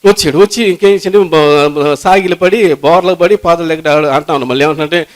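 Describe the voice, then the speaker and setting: A man, a pastor, preaching a sermon as a story, repeating phrases and swinging between loud climbs and hushed passages. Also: fairly high pitch, fast.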